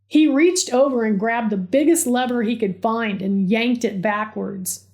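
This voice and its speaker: Woman storyteller, higher voice, sarcastic deadpan comic read. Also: measured pace. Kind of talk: scripted story narration.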